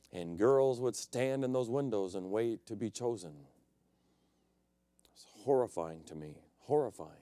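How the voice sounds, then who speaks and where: A middle-aged pastor delivers a sermon in a smooth, resonant voice, weaving in personal anecdotes like a storytelling preacher. He swings between loud, emphatic peaks and quiet, low passages. The recording is dry, with no echo or room sound.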